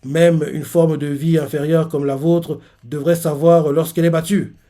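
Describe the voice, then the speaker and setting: A man voicing a cruel, gloating male alien invader from a manga, in slow taunting lines. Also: on the high side, little pitch movement, mellow, close to an everyday voice.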